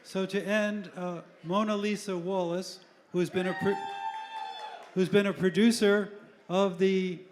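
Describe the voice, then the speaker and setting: A man's voice: high voice, a little mellow, a little hiss or hum. A man hosting a live event, announcing the next speakers from the stage. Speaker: event host introducing speakers.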